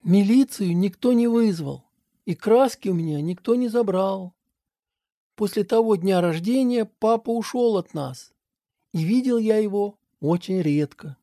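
A woman narrating a story and voicing its characters in an expressive reading. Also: mid-range voice, unhurried, dry recording, clean studio sound. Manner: expressive reading with acted voices.

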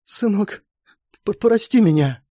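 Guy doing a scared mom, shaky and stuttery, pitched way up. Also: big pitch swings, rapid-fire, a little mellow, no room sound, clean studio sound, heavily acted. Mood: frightened. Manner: trembling, stammering, tearful. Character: frightened young mother, trembling and pleading.

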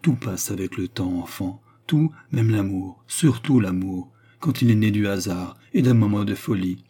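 A male reader voicing a tender woman who quietly consoles her grieving sister in murmured tones. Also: fairly low pitch, normal speed, husky. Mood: consoling.

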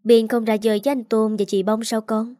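A woman voicing a caring, protective young aunt who speaks gently but firmly. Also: fairly high pitch, level tone, fairly quick, no room sound, studio quality, natural voice. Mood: tender.

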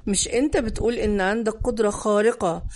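A woman voicing a calm, deep-toned male prosecutor. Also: close to an everyday voice. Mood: calm, condescending. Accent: Egyptian. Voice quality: deep, mellow, unhurried.

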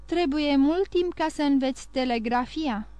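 A woman reading the lines of a calm, ironic nobleman who asks dry, probing questions in an audiobook. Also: high voice, no echo, voice pushed up, close to an everyday voice. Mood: musing.

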